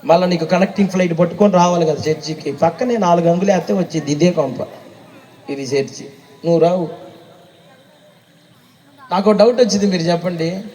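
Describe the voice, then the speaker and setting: A male preacher, delivering a revival sermon that mocks and scolds his congregation and rises to shouts. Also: high-pitched, a little fast, long pauses. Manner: teasing, mocking the congregation, rising to shouts. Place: outdoor revival meeting.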